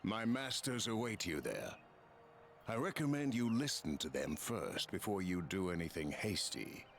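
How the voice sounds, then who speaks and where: Wooden, low-voiced cagey messenger. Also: male voice, unhurried. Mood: guarded, insistent. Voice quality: wooden, unconvincing delivery. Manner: stilted, flat bad acting. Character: cagey messenger man Gandahar serving sinister masters. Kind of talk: video game dialogue. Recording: game audio with noisy outdoor ambience.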